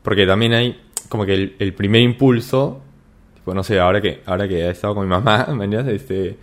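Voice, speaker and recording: A man's voice: lowish voice, fairly quick. Laid-back, slangy male podcast host. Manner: loose, slangy, keeps asking "¿me entiendes?". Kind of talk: casual conversation.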